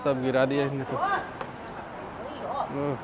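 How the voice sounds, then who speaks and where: A man's voice: medium pitch, monotone, slow pace. A man filming a travel vlog, walking a busy outdoor street and making crude jokes about what he sees. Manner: crude joking street commentary. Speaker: travel vlogger. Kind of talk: casual walking vlog commentary. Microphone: handheld camera. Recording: street noise.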